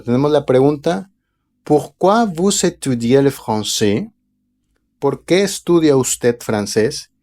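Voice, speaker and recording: A man teaching a language lesson online, reading example phrases slowly and carefully before explaining them. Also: mid-range voice, darkish tone. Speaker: French teacher.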